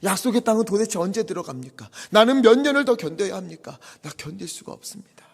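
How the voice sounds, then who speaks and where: Moses as a worn-out old leader pleading with God, voiced by a male preacher, his high voice lurching from hushed whispers to raised cries. The pitch rises and falls widely, and a long church reverb trails after every phrase. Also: animated, fast, slightly rough. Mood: despairing.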